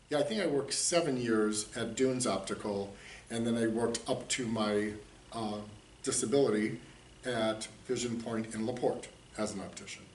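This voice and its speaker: A man in his sixties, raised in the United States, answering interview questions in an easygoing, rambling way with chuckles. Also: medium pitch. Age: 60s. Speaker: interviewee, community theater director. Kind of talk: casual interview talk. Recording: roomy echo, distant mic, faint hiss.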